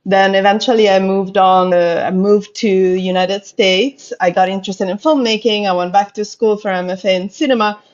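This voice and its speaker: Speaking at a normal pace with hardly any pauses, this Italian-accented woman has a mid-range voice and fairly even intonation. She's a pottery artist from Italy sharing her story in a relaxed interview, thoughtful and at times groping for words. The video call is picked up on a headset mic in a room lined with bookshelves, giving slightly dull lo-fi sound.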